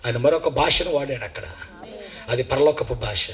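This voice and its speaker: A man preaching a sermon as a pastor at a revival meeting, telling a Bible story with dramatic acted-out voices and climbing to shouts. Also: medium pitch, moderate pace. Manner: dramatic storytelling, acting out crowds, rising to shouts.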